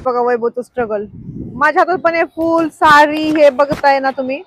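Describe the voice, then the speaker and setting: A woman's voice: sits high, normal speed, slight background noise, low-quality recording. A young woman vlogging on her phone outdoors in the rain, playfully complaining to her viewers. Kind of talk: casual vlog chat. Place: outdoors in rain, city street. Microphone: phone held in hand.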